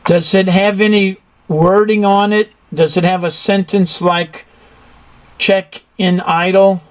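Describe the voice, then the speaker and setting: This instructor's voice sits high and stays level as he takes things slowly. Leading an engine room tour in a hands-on style, he methodically breaks down technical points one step at a time and keeps asking his learner questions.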